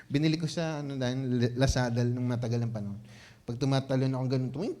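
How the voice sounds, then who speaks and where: A man's voice: medium pitch, fairly even intonation, fairly quick, mellow. A man preaching a conversational sermon as pastor, playful and laughing often, often checking in with the congregation and mixing Tagalog with English.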